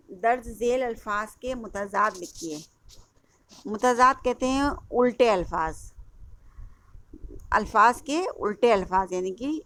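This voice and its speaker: Slow, patient Indian Urdu teacher woman. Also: medium pitch, a bit bright. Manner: slow and repetitive, spelling words letter by letter and quizzing. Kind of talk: classroom lesson explaining a workbook.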